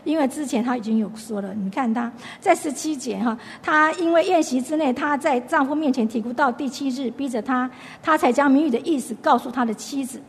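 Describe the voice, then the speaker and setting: A woman's voice: high voice, fairly quick, few pauses, in a large hall, a little hiss or hum. A woman giving a chatty Bible lesson, retelling the story and restarting her sentences often. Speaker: Bible study teacher. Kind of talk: conversational Bible teaching.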